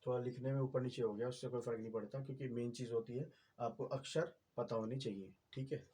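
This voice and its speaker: A man's voice: mid-range voice, steady tone, fast, dark tone, slightly rough. A man, patiently explaining a writing lesson as a teacher, with many fillers and repeated checks.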